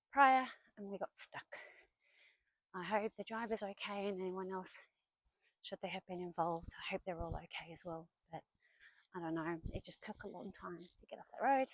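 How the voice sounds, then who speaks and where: A woman's voice: medium pitch, no echo, rough recording. Chatty young woman vlogging outdoors. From New Zealand. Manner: chatty, often drops to a whisper. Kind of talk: casual walking vlog. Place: outdoors on a woodland walk.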